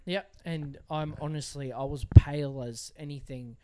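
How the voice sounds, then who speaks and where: A man's voice: fairly high pitch, steady tone, moderate pace, dark tone, clear, resonant tone. A young Australian man co-hosting a podcast, telling stories in a laid-back, casual chat. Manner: storytelling, laid-back, says "bro" and "man". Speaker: podcast co-host.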